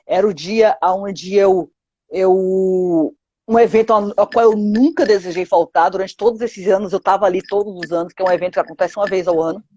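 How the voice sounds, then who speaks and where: A woman's voice: mid-range voice, fairly even intonation, a little fast, mellow, slightly rough, no echo, muffled recording. A woman with a Brazilian Portuguese accent telling her testimony to a pastor in an interview, acting out quoted dialogue with lots of 'sabe?'. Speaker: guest giving a testimony.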